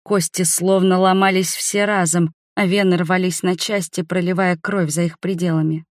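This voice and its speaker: A woman narrating a fantasy novel as an audiobook in the first person, steady and dramatic. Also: fairly low pitch, moderate pace, no echo, clean studio sound.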